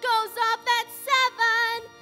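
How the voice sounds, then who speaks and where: A woman's voice: very high-pitched, little pitch movement, soft background music, exaggerated voice. Teenage girls singing as a sassy street girl group in a school musical. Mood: belting. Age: teens. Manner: belting, slow. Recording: live stage with loud band.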